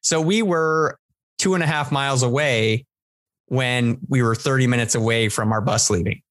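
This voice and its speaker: A man's voice: mid-range voice, moderate pace, a bit bright, dry recording. A man from San Diego, a podcast co-host, telling a long story in casual chat with lots of restarts. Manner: rambling storyteller, many restarts.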